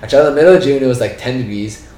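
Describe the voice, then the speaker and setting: Speaking at a racing pace, a Brampton-raised man in his 20s, born in India to a Punjabi-speaking family, rambles through a slangy casual chat full of "yo" and "bro." He has a mid-range voice with a dark tone, captured with roomy echo and faint background noise.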